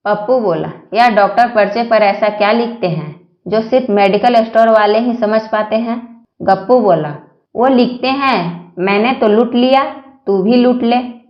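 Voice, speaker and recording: A woman reading a series of short jokes aloud, telling them slowly and evenly with the quoted lines. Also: fairly high pitch, roomy sound, dull audio. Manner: slow, even joke telling with quoted lines. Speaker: joke narrator.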